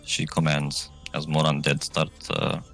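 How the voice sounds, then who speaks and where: A man's voice: very deep voice, monotone, measured pace, gravelly, fairly bright tone, faint music behind. A man narrating a tabletop game as game master.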